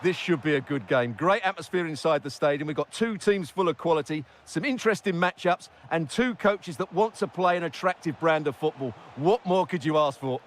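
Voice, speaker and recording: A man giving measured analytical remarks as co-commentator on a football match. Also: a little high, a little hiss or hum.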